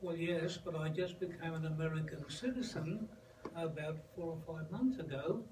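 An older Australian man teaches in a gentle, measured voice that sits a little high. He is heard from a distance in an echoey room, with clear background noise. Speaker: guest minister and counselor. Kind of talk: calm teaching talk.

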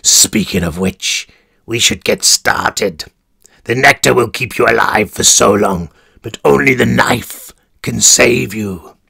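A man voicing a gleeful, sinister prison warden who whispers and mocks slowly. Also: lowish voice, vocal fry, bright, forceful tone, slightly rough, heavily acted. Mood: menacing. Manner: whispering, mocking, drawn-out.

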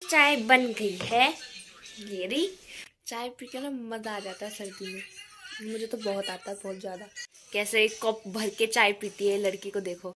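A young woman vlogging casually at home with her family, chatty and quick to laugh as she talks to her viewers. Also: medium pitch, background noise. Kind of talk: casual home vlog chat.

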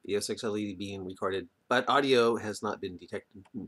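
This middle-aged man makes videos from a wood-panelled room in his home, speaking casually and hesitantly into a nearby computer or webcam mic, often letting his sentences trail off. He sounds on the low side, fairly bright and a little fast, and the recording is noisy with room ambience.

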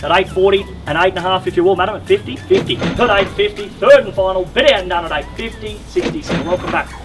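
A man's voice: sits high, fast talker. A young Australian man working as an auctioneer, addressing bidders outdoors with formal, courteous patter. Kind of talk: live auction bid calling. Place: open-air wooden deck outdoors. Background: music.

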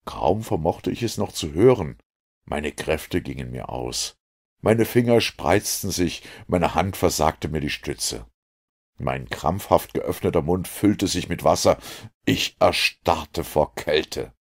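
Deep, husky male storyteller. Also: slow pace. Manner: expressive, dramatic pacing. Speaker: audiobook narrator. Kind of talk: dramatic audiobook narration.

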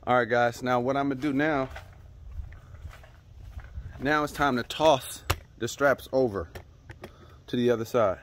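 Standing in a suburban driveway, a young man who runs a fishing channel calmly explains a hands-on how-to, addressing viewers directly in a mid-range voice. His pace is unhurried, with frequent pauses. The camera mic picks him up as it moves toward and away, along with faint outdoor hiss.

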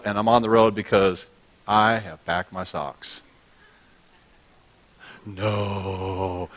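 A man's voice: on the low side, fairly bright tone. A middle-aged man, a pastor, preaching a conversational and humorous sermon on a large church stage, through a body-worn mic. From United States.

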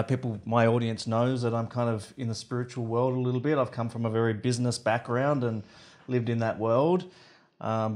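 In a podcast studio with a wooden wall and plants, a mid-range-voiced man in his forties hosts a casual interview. He talks in a relaxed, rambling way, full of fillers, into a studio mic on a boom arm.

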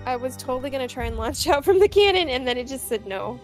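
High-voiced excitable woman gaming. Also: fast talker. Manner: excitable, exclaiming. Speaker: video game streamer. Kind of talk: casual co-op gaming chat. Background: game music.

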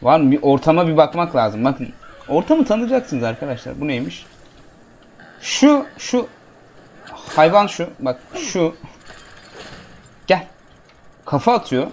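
A man's voice: on the high side, sing-song, a little slow, pauses often, a little hiss or hum. A man giving casual, jokey let's-play commentary and talking back to the game characters as he plays. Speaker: gameplay commentator.

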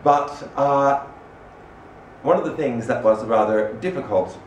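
A middle-aged man from Canada giving an animated, expressive public talk as an arts director in a small room. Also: mid-range voice, measured pace. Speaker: arts director speaking at a salon. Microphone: standing microphone. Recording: echoey room from far off, faint noise.

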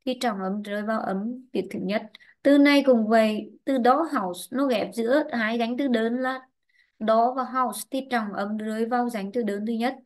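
Higher-voiced woman teaching an online class. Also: normal speed, darkish tone. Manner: patient, quizzing and prompting students by name. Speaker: English teacher. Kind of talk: online class, questioning students and explaining grammar rules.

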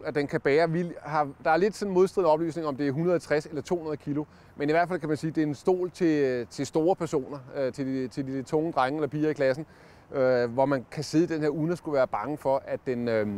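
A product tester in his forties speaks with a slightly high, steady, somewhat mellow voice. He gives an informal review on a campsite lawn, stumbling through fillers and restarts into his lapel mic.

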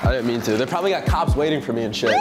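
A young man talking casually in a prank vlog, joking and laughing often with quick slangy talk, filmed on a handheld camera in stores and outside. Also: medium pitch, expressive, loud music behind the voice. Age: young adult. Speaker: vlogger. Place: stores, parking lot and gas station, indoors and out.

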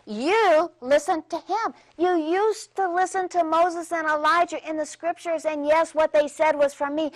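A woman's voice: very high voice, steady tone, moderate pace, hardly any pauses. A woman voicing the voice of God speaking from a cloud in a children's Bible story, solemn and emphatic. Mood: commanding. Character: commanding divine male voice from a cloud.

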